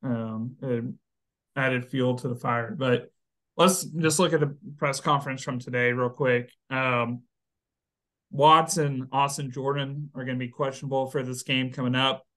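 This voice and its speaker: Guy on a football podcast, laughs a lot, chatty, middle pitch. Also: fairly even intonation, unhurried, a bit bright. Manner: laughs often, loose and chatty. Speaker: podcast co-host. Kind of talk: casual sports chat.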